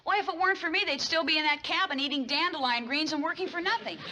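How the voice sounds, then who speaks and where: A woman's voice: extremely high pitch, quick pace, noisy background. A young woman playing an indignant, idealistic student in a sitcom, declaiming grandly in big words. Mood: indignant, self-satisfied. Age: young adult. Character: fiery, indignant young sociology student crusading for the oppressed. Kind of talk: sitcom acting.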